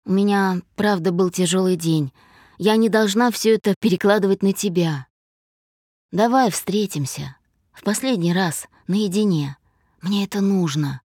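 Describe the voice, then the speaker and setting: A woman voicing a drunk, insistent young man on the phone, with a low, relaxed and slurring voice, in a dry recording. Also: moderate pace, no room sound, natural voice. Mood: hurt.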